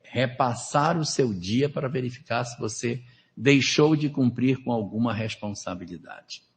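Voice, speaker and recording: A man's voice: medium pitch, unhurried, vocal fry. A man lecturing at a spiritist seminar in a conversational way, with rhetorical questions and numbered steps. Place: lecture hall at a spiritist center.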